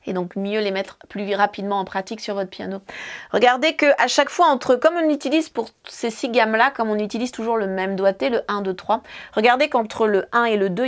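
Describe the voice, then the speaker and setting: A woman piano teacher, explaining a scale casually and counting fingerings aloud as she plays. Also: medium pitch. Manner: talks while playing, counts fingerings aloud. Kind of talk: casual demonstration lesson. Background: piano notes.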